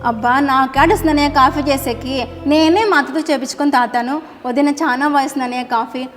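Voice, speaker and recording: A woman's voice: high voice, steady tone, fast talker, natural voice. A woman acting as a nosy, whiny younger sister-in-law who pleads and pries, speaking in a melodramatic family drama. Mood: pleading. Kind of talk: melodramatic short-video acting. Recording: roomy reverb with background music.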